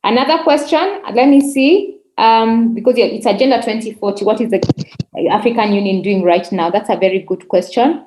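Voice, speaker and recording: A woman's voice: fairly high pitch, fairly quick, darkish tone. A woman moderating an online forum over a video call, encouraging speakers and calling on them by name. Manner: encouraging, calls on participants by name. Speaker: webinar moderator. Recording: roomy echo.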